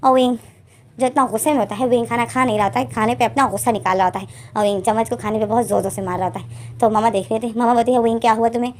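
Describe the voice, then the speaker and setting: Woman narrating a fanfic story, high voice, steady and explaining. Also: racing, a little hiss or hum. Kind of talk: retelling a fan-fiction story.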